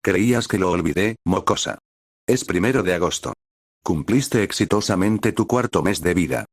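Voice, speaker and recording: A man's voice: deep voice, expressive, moderate pace, breathy edge, dry recording, studio quality, heavily acted. A man doing a smug young scientist dad. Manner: smug, precise, teasing. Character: cocky young male scientist, doting father.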